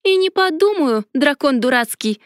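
A woman voicing a feisty, sharp-tongued young witch who snaps back quarrelsomely, in a storybook reading. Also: high voice, sing-song, measured pace, no room sound, clean studio sound. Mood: defiant. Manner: snappy and quarrelsome.

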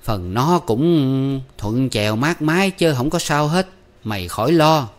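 A scolding middle-aged village mother, as a male storyteller puts her on, high-pitched and loud. She nags and chides in quick, sharp bursts. It sounds like a storybook reading. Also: lively intonation, lightly acted. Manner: nagging, scolding.

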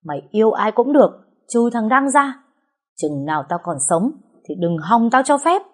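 A woman voicing a furious, domineering older father who shouts harsh commands. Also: fairly high pitch, big pitch swings, normal speed, voice pushed up. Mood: stern.

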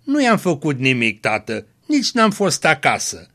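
A man voicing a gentle, pious young peasant woman in a read-aloud story, speaking softly and pleadingly. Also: fairly high pitch, huge pitch swings, heavily acted. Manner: pleading, soft.

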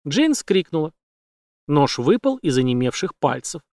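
A man narrating an audiobook in a steady, dramatic reading. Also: fairly high pitch, unhurried, no echo, clean studio sound. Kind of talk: scripted narration.

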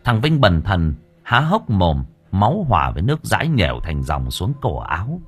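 A man narrating a horror story aloud with expressive, shifting delivery. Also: low voice, moderate pace, slightly rough. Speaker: audiobook narrator.

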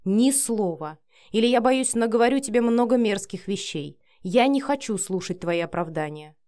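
A woman's voice: mid-range voice, lively intonation, normal speed, warm tone, natural voice. Curt, commanding young man with a sneer , read by a woman, audiobook. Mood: cold. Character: cold domineering young man, harsh and scornful. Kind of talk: audiobook character reading.

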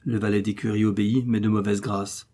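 A man narrating a novel as an audiobook in a steady, measured reading. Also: lowish voice. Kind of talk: scripted narration.

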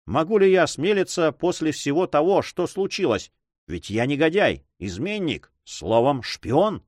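A man's voice: a little high, big pitch swings, measured pace, darkish tone, no room sound, studio quality, pitched above the performer's own voice. A man voicing an emotional young nobleman in an audiobook, pleading and tearful in manner. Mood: despairing. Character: young man, tearful, ashamed, then overjoyed.

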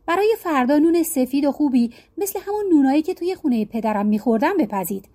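A clever enchanted frog princess speaks softly and reassuringly, as a woman storyteller puts her on. The voice sits high and swings lively through each phrase, with a warm, mellow tone. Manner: soothing, gently comforting.

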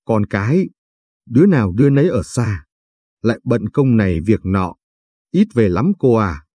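A man's voice: lowish voice, very animated, normal speed, warm tone, breathy edge, no echo. A man reading the lines of a frightened, confused old woman patient who pleads and stammers. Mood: pleading.

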